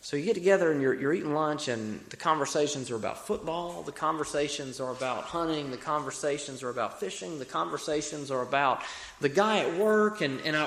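Young man, Alabama Southern accent, slightly high pitch, earnest sermon delivery, folksy phrasing, echoing hall. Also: a bit bright. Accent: Alabama Southern American. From Alabama, United States. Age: young adult. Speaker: preacher. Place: reverberant room, preaching to a congregation. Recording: echoey hall with long reverb.

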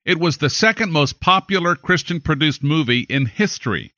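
A man's voice: a little high, animated, normal speed, bright, forceful tone, no echo, lo-fi sound. An American man reading scripted news in an emphatic, dramatic announcer style. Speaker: news anchor.

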